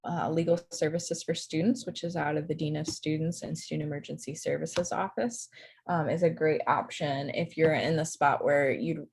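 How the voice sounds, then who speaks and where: A woman's voice: deep voice, fairly even intonation, moderate pace, creaky, darkish tone, breathy edge. A woman presenter talking casually about student housing on a video call, chatty with lots of fillers. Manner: chatty, lots of likes and ums. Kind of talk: casual workshop talk.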